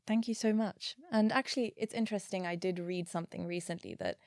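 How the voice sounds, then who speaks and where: A woman's voice: fairly low pitch, steady tone, a little fast, gravelly, darkish tone, no echo, studio quality. A woman hosting a podcast interview, thinking aloud in a reflective, meandering way. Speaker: podcast host. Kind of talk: conversational interview.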